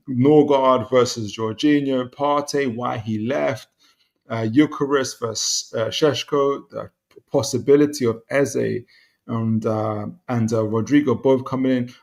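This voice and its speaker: A man's voice: mid-range voice, gravelly. A man hosting a football talk show, upbeat, summing up the episode and laughing along with his guest. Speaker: host. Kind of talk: podcast hosting and football chat.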